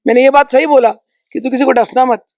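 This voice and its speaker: Gravelly-voiced woman teaching with emphasis. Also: sits high, fairly even intonation, fast talker, dry recording. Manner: emphatic, storytelling with sharp rhetorical asides. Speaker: spiritual teacher. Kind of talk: conversational spiritual teaching. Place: indoor podcast recording.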